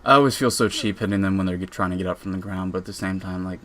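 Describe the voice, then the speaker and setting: A man's voice: low voice, steady tone, very fast, a bit bright, slight background noise. A young man rambling casually through a voice-over commentary on his own game footage, with lots of fillers and restarts. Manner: rambling and laid-back, with many fillers and restarts.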